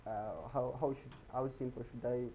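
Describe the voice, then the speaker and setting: A man's voice: mid-range voice, completely flat delivery, a little fast, dull audio, a crowd in the background. A man giving an explanatory talk on health in a TV studio, often repeating words as he searches for them. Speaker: guest speaker on health.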